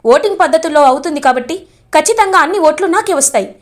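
A boastful, scheming young man from a family drama, as a woman narrator puts him on. He talks fast and excitedly, his voice jumping high with gloating pride. The voice sits high and lively.

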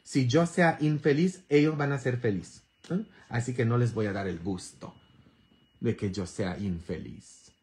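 Slow, bantering priest. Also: male voice, mid-range voice. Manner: bantering, earthy humor, constant tag questions; sudden loud emphatic bursts. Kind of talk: informal sermon.

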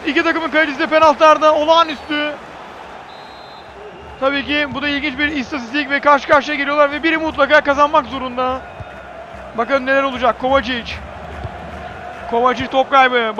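High, shouting male football commentator. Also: highs cut off, a little hiss or hum. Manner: clipped phrases, repeats player names emphatically. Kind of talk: live football commentary, shouting excitedly at key moments.

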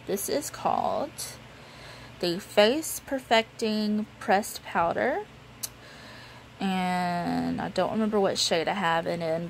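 A woman's voice: mid-range voice, a little hiss or hum, rough recording. A woman, chatting casually through a show-and-tell vlog with lots of ums. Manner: chatty, relaxed, many ums. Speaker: beauty vlogger.

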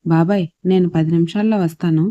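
A woman voicing a hurried young doctor. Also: on the high side, steady tone, warm tone, no room sound, muffled recording, natural voice. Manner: hurried, brisk. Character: anxious young male doctor.

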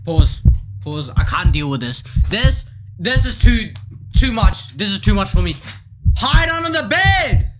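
A woman giving horror game commentary, jumpy and slangy, breaking into loud exclamations. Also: medium pitch, sing-song, measured pace, over music. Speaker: gaming YouTuber.

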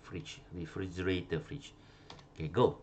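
This man's voice sits low, and he talks at a normal speed with fairly even intonation. He is running an online English class with a Malaysian accent, drilling pronunciation through repeated phrases and stress corrections, sometimes switching to Malay.

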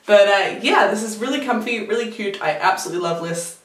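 A woman's voice: medium pitch, animated, brisk. A young woman chatting casually through a clothing haul video, giggly and full of fillers. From United Kingdom. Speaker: vlogger. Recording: echoey room, faint noise.

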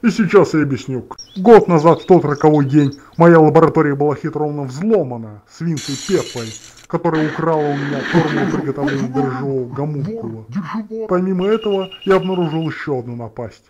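Man as a pompous high-pitched cat scientist. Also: fairly quick, darkish tone, close to an everyday voice. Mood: smug explaining. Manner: pompous, explanatory, formal. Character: self-satisfied scheming cat scientist, young male. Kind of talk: parody cartoon monologue. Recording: noisy home-made cartoon soundtrack.

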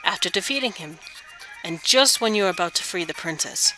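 A woman voicing an old, wise, kindly male frog sage from a video game, speaking in measured, formal phrases. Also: fairly low pitch, animated, sharp tone, faint music behind, rough recording. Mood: grave, patient. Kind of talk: video game dialogue read aloud.

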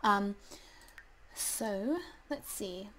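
Woman gamer, slow easy delivery, lots of ums, chats to her sims, faint hum and mouse clicks behind. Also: mid-range voice, bright, forceful tone, poor audio. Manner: chatty, hesitant with many ums, talks to the game figures. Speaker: let's play gamer. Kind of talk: casual gameplay commentary.

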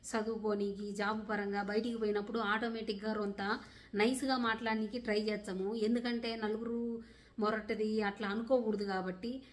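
A young woman vlogger from Rayalaseema, India, speaks with a Rayalaseema Telugu accent as she answers viewer questions in a casual vlog. Her way of talking is earnest and rustic, in village dialect, and she defends herself plainly. Her mid-range voice keeps a level tone at a moderate pace.

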